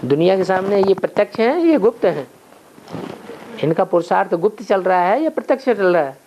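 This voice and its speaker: A man's voice: high voice, sing-song, fairly quick, a little mellow. A man leading a spiritual class, answering questions and posing rhetorical questions he answers himself. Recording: dull lo-fi recording with faint noise.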